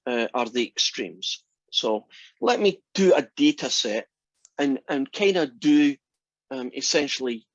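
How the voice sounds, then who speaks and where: In a mid-range voice, a man in his sixties chats his way through an online math class, friendly and frequently asking "right?" to check in. He's using a computer mic on a video call, and the sound is dry, dull and lo-fi.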